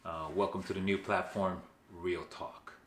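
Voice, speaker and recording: A man's voice: deep voice, fairly even intonation, a little slow, echoey room, slight background noise. A man from Venezuela, hosting his own channel, speaking emphatically and often checking in with "okay" and questions to his viewers. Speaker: vlog host. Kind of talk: direct-to-camera commentary.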